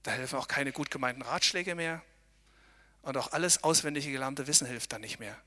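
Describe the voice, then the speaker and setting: A man's voice: mid-range voice, a little fast, pushed and bright, in a large hall. Earnest man preaching on a mountain trail. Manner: earnest, addresses listeners directly with tag questions. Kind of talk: devotional talk while hiking.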